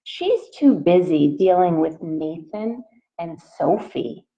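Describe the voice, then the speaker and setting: A woman teacher reading a picture book aloud to young children in a deliberate, expressive way, speaking straight to her listeners. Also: on the low side, dull audio.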